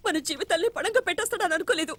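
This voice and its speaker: An actress playing an anxious, protective older sister in a dubbed film drama, scolding and tearful. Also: female voice, extremely high pitch, rapid-fire, a bit bright, a little hiss or hum. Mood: fearful.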